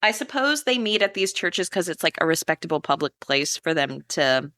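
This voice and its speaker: A woman co-hosting a podcast, recapping a film in casual chat and acting out the characters' lines in quick voices. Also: lowish voice, big pitch swings, a bit bright. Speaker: podcast co-host.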